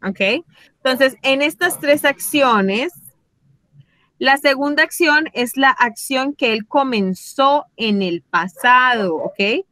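A woman's voice: high voice, lively intonation, takes it slowly, pushed and bright, dry recording. A woman English teacher, giving an online class and patiently checking in with her students. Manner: patient, checks in often with questions.

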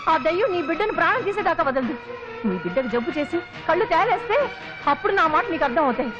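A bitter, sharp-tongued mother who curses and scolds at a rapid clip. Her voice is very high, and she wails for show. The film audio is dull, with music running underneath. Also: big pitch swings. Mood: venomous. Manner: scolding, cursing, theatrical wailing. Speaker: mother in a family drama. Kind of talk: melodramatic film acting.

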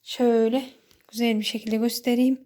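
A woman's voice: fairly high pitch, level tone, normal speed, mellow, a little hiss or hum. A woman vlogging at home, chatting casually as she works and adding short prayers. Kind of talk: casual narration while working.

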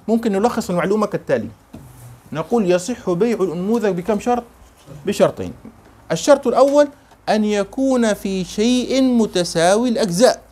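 Male law teacher, reads slowly, quizzes his class. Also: sits high, darkish tone. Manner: reads text slowly, then explains with questions to students. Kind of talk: classroom lesson explaining a text.

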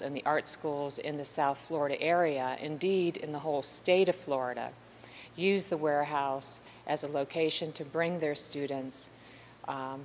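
Woman, curator, low voice, measured and halting, frequent ums, long reverb, large warehouse gallery. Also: slight background noise. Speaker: curator of a private art collection. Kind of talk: explaining the collection to camera.

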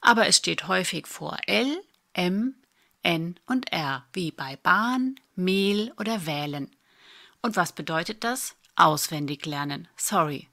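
A woman, teaching a spelling lesson in a patient, clear way with dry little asides. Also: lowish voice, lively intonation, slow, sharp tone. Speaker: German spelling tutor. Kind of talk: slow explanatory lesson.

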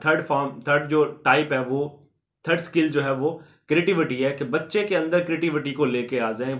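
Earnest man explaining, slightly high voice. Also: fairly bright tone. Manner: earnest, repetitive explaining with many English terms mixed in. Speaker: YouTube education channel host. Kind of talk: explanatory talk to viewers.

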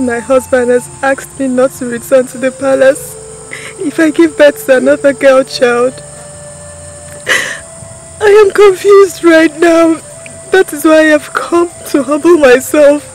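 A woman's voice: sits high, a little mellow, rough recording. A woman playing an anxious, humble queen in a film drama, plaintive and pleading, with a Nigerian accent.

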